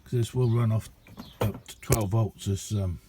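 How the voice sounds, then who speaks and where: A middle-aged man with a soft, dark, fairly low voice gives a casual demonstration of his homemade receiver for a vlog. Recorded in his indoor hobby radio room with faint background noise, he talks in an unhurried, halting, colloquial way.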